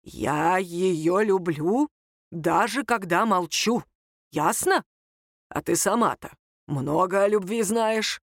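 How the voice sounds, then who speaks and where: A woman reading a story voices a stern old grandfather who speaks slowly. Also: lowish voice, no echo, clean studio sound. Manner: stern, slow.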